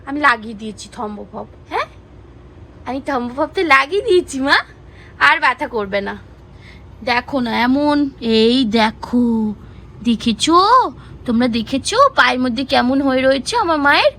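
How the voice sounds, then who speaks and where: A woman's voice: high-pitched, animated, moderate pace, pauses often, fairly bright tone, poor audio. A woman, a tired mother vlogging with her baby, switching between cooing baby talk and casual chat to the camera.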